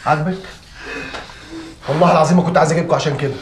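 An actor with an Egyptian accent playing a fretful, flattering young man who panics easily. He talks in a whiny, fawning way. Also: rapid-fire, crowd noise, close to an everyday voice. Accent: Egyptian Arabic. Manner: whiny and fawning, swings in pitch.

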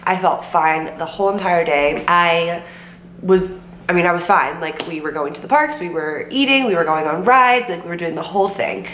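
A woman in her twenties with a fairly low, fairly bright voice at a normal speed vlogs a casual story while sick, sounding worn and sore-throated. She keeps saying "like" and "um," rambles, and quotes herself. She faces a camera at desk distance in a bedroom with bookshelves, where the sound is roomy with a faint hum.

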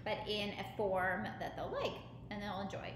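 A woman's voice: medium pitch, steady tone, moderate pace. A young woman hosting a kids cooking lesson in her home kitchen, talking to the camera in a cheerful, encouraging way. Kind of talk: casual instructional chat. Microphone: camera mic at a distance. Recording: echoey kitchen with room noise.

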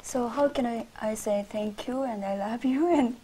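Slightly high-pitched, halting woman interviewer. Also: dark tone, slight background noise, rough recording. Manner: halting, simple phrasing with frequent backchannel. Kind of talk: interview questions in a second language. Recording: music playing underneath.

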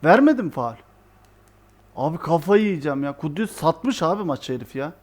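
A young man commentates his own football video game match live, excitable and exasperated as he shouts at his players. His voice is a little high and his pace moderate.

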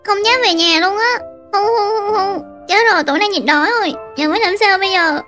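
A woman's voice: extremely high pitch, brisk, bright, forceful tone, soft background music. A woman voicing a meek, hardworking older sister in a game-made fairy tale, polite and whiny when upset. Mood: tearful.

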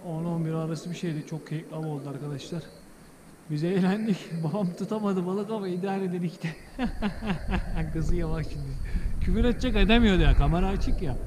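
A young man vlogging while fishing outdoors beside a stream, loudly exclaiming at each catch. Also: high voice, background noise. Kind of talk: casual outdoor vlog chat.

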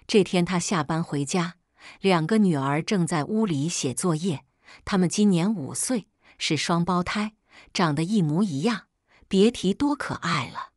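A woman reading a family drama story aloud as narrator in an even storytelling manner. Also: lowish voice, a little slow, no room sound, studio quality.

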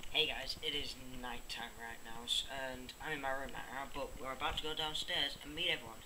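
A man's voice: medium pitch, a little fast. Young man vlogging over very heavy noise. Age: teenager to young adult. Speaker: vlogger on a family holiday. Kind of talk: casual holiday vlog chat to camera. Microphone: handheld camera at arm's length. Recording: noisy handheld camera audio with heavy background noise.

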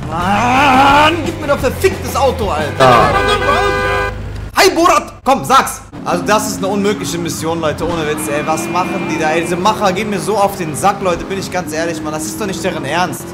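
Recording in a small home room with headphones and a studio mic on an arm, this twenty-something YouTuber delivers angry, cursing let's-play commentary for his viewers. Loud game music plays behind a voice that sits high, with lively intonation and normal speed.

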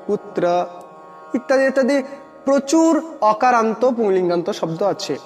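A man's voice: sits high, long reverb tail. A man teaching a Sanskrit grammar lesson in a patient way, asking questions and answering them himself.

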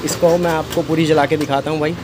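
Quick and a little high, with flat delivery, the voice belongs to a male bike mechanic who hosts a channel. In a casual walkaround at his outdoor bike repair shop, he chats boastfully about his work, says "bhai" constantly, and calls everyone "bro". The phone camera captures him off screen amid noisy street traffic.

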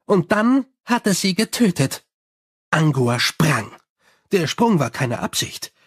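A man reading an audiobook in measured storytelling narration. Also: on the high side, breathy edge, dry recording, studio quality. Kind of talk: scripted narration.

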